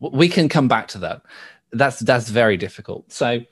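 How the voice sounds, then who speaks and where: English man, guest on a talk podcast, halting and searching as he explains. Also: medium pitch, animated, husky. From West Midlands, England. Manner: halting, with frequent restarts and laughs. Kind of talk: thoughtful conversational interview.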